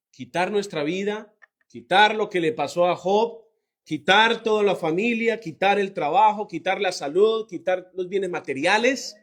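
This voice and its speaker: A man preaching a sermon to his congregation, asking them questions and drawing out key words. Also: sits high. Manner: lively, stretching out key words. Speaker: pastor.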